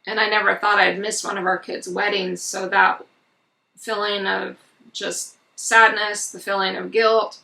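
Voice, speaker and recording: A middle-aged woman recounts events candidly in a bright voice that often drops into gravelly fry. Her delivery is casual and earnest. She sounds a little way from the microphone, with music underneath. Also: mid-range voice, level tone, a little slow. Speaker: vlogger recounting RV life. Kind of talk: casual storytelling to camera. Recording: slightly distant mic, music underneath.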